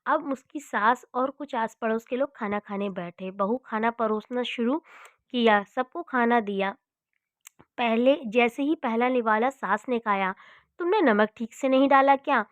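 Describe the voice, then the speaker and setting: A woman narrating a family story in a slow, soft-spoken manner. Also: fairly high pitch, no room sound, muffled recording.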